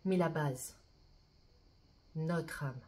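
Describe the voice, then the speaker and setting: A woman giving a chatty spiritual oracle card reading to her viewers, often tagging her sentences with "hein" and reading mantras slowly and softly. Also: low-pitched.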